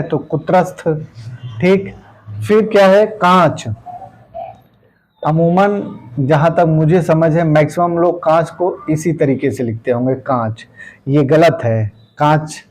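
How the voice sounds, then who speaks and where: In an exam-prep Hindi grammar class, a man with a somewhat high voice explains patiently using homely everyday examples. He works word by word, repeating each slowly and tagging nearly every point with "ठीक है". The recording is a little mellow and low in quality.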